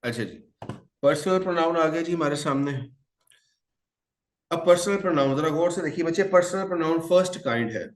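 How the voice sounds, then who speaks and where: A man's voice: on the high side, brisk, pauses often, echoey room. A man teaching English grammar in a mix of Hindi-Urdu and English, calling his students children and quizzing them. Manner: addresses students as children, asks and answers his own questions. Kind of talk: online exam-prep lecture.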